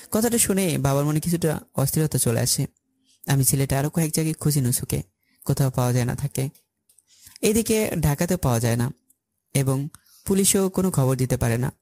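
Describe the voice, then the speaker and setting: Man, story narrator, dark mellow voice, dry close sound, urgent telling. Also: mid-range voice, dry recording. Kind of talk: first-person story narration.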